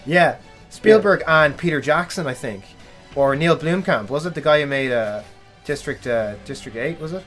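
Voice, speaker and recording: A man hosting a podcast in casual gaming chat, giving firm opinions and quick agreement. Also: on the high side, fairly bright tone, soft background music. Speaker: podcast host.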